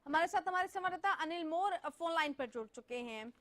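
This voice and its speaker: A woman anchoring a news bulletin, posing long questions in a measured, formal delivery. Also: extremely high pitch, lively intonation, sharp tone.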